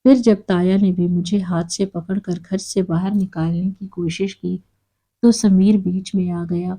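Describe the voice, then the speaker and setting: A woman narrating a moral story in the first person with a calm, steady reading manner. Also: on the low side.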